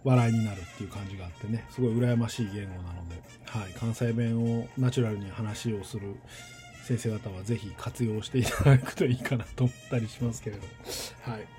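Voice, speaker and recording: A man in his forties from western Tokyo, speaking standard Japanese with a Kansai tinge, talks to nursery teachers in a casual solo monologue, rambling and thinking aloud with many pauses. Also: lowish voice, music in the background.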